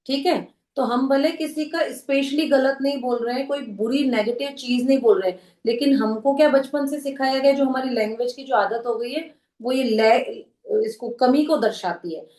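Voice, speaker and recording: A woman runs a live self-help teaching session, speaking in a high, clear register. She explains things patiently, keeps asking "right?" to check in, and slips English words into her Hindi. The sound is roomy, with a noticeable echo. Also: darkish tone. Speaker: self-help course leader.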